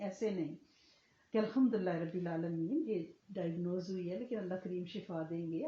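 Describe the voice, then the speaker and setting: Woman religious teacher, earnest lecture style, mellow warm tone, muffled roomy recording. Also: on the low side. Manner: earnest, explanatory, often checks in with listeners. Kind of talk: religious lecture to a women's class. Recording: echoey room, slightly muffled sound.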